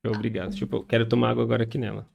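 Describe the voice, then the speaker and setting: Brazilian male host, São Paulo accent, gravelly voice, relaxed reflective delivery. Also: mid-range voice, rapid-fire, muffled recording, a crowd in the background. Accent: Brazilian Portuguese, São Paulo area. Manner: relaxed, reflective, thinks aloud with fillers. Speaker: podcast host. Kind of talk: conversational podcast interview.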